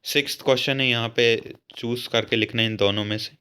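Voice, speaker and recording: A young man, explaining a school lesson patiently and slowly. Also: medium pitch, steady tone, pushed and bright, clean tone. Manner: slow, patient explanation with frequent asides to students. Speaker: teacher.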